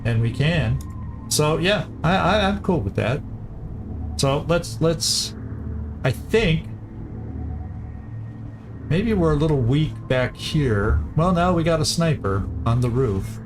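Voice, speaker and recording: With a fairly high, lively voice, a gameplay commentator takes his time and pauses often while planning moves in a strategy game. His casual let's-play talk is full of hesitant restarts, and game music runs in the background.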